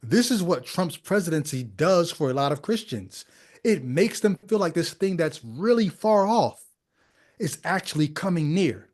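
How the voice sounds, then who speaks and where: A man's voice: fairly high pitch, lively intonation, normal speed, darkish tone. A man hosting a podcast, commenting on a sermon clip in a wry, sarcastic way. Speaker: podcast host. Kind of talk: casual commentary.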